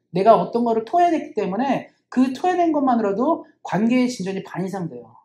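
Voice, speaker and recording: A woman's voice: mid-range voice, dark tone, echoey room. A woman pastor preaching a sermon in church in an earnest, conversational way, asking rhetorical questions.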